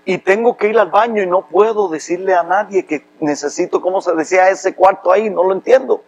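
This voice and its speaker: A man from Rico, preaching a sermon with impassioned, emphatic delivery that rises to loud preaching. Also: high-pitched, fairly quick, rough recording. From Puerto Rico. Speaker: pastor.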